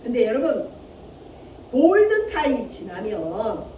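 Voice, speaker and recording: A woman pastor preaching a sermon, animated, acting out pleading prayers with laughter in her voice. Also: a little high, a little slow, slight background noise. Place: church sanctuary. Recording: echoey church hall, from far off.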